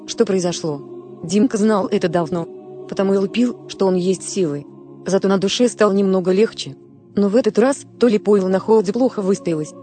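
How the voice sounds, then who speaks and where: A woman narrating a story in a steady, even manner, as in an audiobook. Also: mid-range voice.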